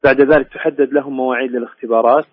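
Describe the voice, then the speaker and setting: A man's voice: medium pitch, fairly even intonation, racing, no echo. A man speaking formally and courteously as an interview guest, over a tinny phone line. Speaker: interview guest, education department director.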